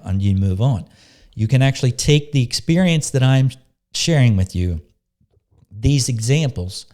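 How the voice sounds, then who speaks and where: A man leading a guided meditation, talking slowly and softly in an unhurried, calm way, pausing and restarting phrases. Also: mid-range voice. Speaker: spiritual teacher leading a meditation. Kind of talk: slow, soft-spoken guided meditation talk.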